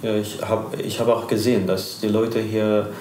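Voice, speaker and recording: A young man from Iran with a Persian accent, speaking German haltingly as an interview guest, searching for words with many fillers. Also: fairly low pitch, flat delivery, a little mellow, roomy sound, a little hiss or hum.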